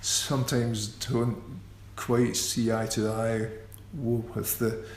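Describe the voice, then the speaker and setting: Slow and considered, a musician on a radio interview speaks in a medium-pitched, level voice while stammering with repeated sounds and restarts. The echoey room has faint ambient noise.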